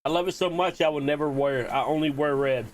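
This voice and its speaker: A male streamer talks casually over his game, ribbing his friends and cursing as he jokes. His voice sits a little above the usual male pitch. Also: a little fast. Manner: joking, teasing banter with swearing. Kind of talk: casual gaming stream chat.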